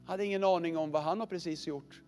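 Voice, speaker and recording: A man with a notably high voice preaches an earnest storytelling sermon. He often sinks into a hushed, heavy tone as he speaks. Faint music plays softly under his words. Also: fairly even intonation.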